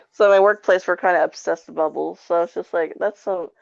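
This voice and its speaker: Her lowish, steady voice is a little fast and creaky as this podcast guest rambles informally through a review, frequently saying "like." The recording is muffled, with no echo.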